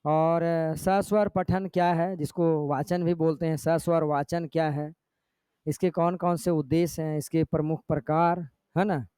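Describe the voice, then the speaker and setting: A man's voice: on the high side, steady tone, measured pace, warm tone, clean tone, no room sound, clean studio sound. A male teacher giving a classroom lecture, explaining step by step and often checking in with his students. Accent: Jharkhand Hindi.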